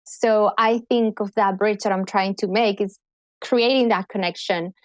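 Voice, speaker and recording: In a casual podcast conversation, the guest, a clinical psychologist and healer, speaks with a Colombian accent and lots of animated enthusiasm. The Colombian woman has a mid-range voice at a normal speed, with no room sound audible.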